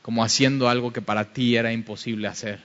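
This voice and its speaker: A man preaching a fervent sermon that rises to loud, emphatic passages. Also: medium pitch, fairly even intonation, quick pace. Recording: dull, reverberant hall sound.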